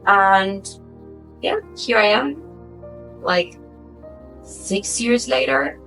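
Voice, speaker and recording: Speaking very slowly in a slightly high, creaky voice with a bit of brightness, a twenty-something woman from Buenos Aires vlogs casually. She is a native Spanish speaker with an Argentine accent. Soft music runs underneath a rough recording.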